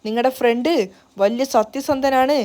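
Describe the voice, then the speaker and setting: Woman voicing a sharp, sarcastic young woman, high-pitched. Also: normal speed, close to an everyday voice. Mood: indignant. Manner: indignant, sarcastic. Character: angry young woman, sharp-tongued niece.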